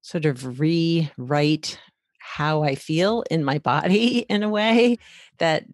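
A woman hosting a podcast, introducing her guest and asking questions in an enthusiastic, unhurried way. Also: low-pitched, dry recording, clean studio sound. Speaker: podcast host. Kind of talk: podcast interview.

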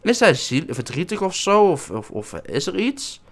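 Young male let's-player, playful and theatrical, fairly high, very lively pitch. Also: normal speed. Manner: playful, voices his character with mock emotional outbursts. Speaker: gaming YouTuber. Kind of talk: casual let's-play commentary.

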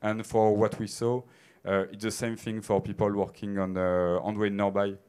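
A man's voice: lowish voice, level tone, normal speed, darkish tone, smooth. A man in his thirties with a French accent answers conference questions on a theater stage into a handheld mic, hesitant and full of filler sounds. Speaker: conference speaker.

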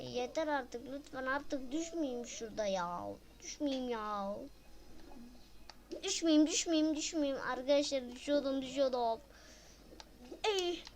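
A woman giving casual gameplay commentary, excitable and repeating words in quick bursts, with loud frustrated outcries. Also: high-pitched. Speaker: gaming video creator.

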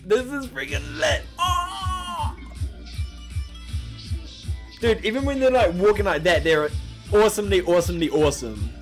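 A young man hosting a reaction video, chatting in an excitable, rambling way and swearing casually. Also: high-pitched, normal speed, pauses often, music in the background. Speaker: YouTube reaction host.

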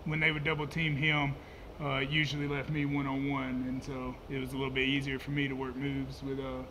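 Laid-back young man, flat even voice. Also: mid-range voice, fairly quick, noisy background. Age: 20s. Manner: laid-back, plain-spoken, lots of uh fillers. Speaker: college football player. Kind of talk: post-game press conference answers. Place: press conference room, indoors. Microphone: table microphone.

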